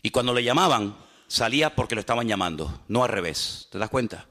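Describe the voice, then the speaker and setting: A man preaching a lively sermon as pastor, animated and humorous, using repetition, rhetorical questions and acted-out dialogues. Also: medium pitch, fairly quick.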